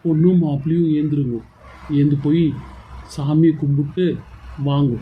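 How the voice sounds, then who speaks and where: A man's voice: fairly high pitch, fairly even intonation, moderate pace, breathy edge, narrow, tinny audio. A man voicing a sly, greedy older priest in a cartoon serial, solemn with a wheedling edge.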